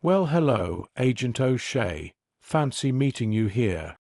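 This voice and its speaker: A man's voice: medium pitch, big pitch swings, takes it slowly, darkish tone, no echo, clean studio sound, exaggerated voice. Man reading as a teasing young woman.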